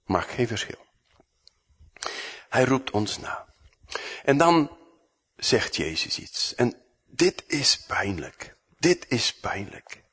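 A man preaching a sermon, acting out the dialogue and swinging from loud to hushed. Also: medium pitch, sing-song, takes it slowly, long pauses, breathy edge.

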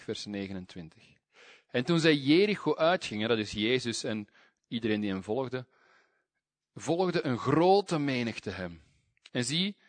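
A man's voice: mid-range voice, dry recording. Man preaching, dry sound. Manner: lively emphasis, reading scripture aloud. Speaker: pastor. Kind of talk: sermon.

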